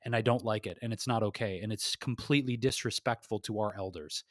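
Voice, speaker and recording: A man's voice: lowish voice, fairly quick, no echo, studio quality. A man co-hosting a podcast, talking in a heated, restless way with lots of swearing and repeated restarts. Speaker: podcast co-host. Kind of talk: impassioned casual podcast talk.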